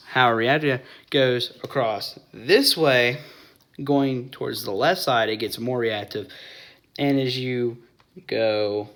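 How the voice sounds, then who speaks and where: A man's voice: medium pitch, vocal fry, fairly bright tone, slight background noise. A young man explaining chemistry in a casual whiteboard lesson, often stopping to correct himself and apologize.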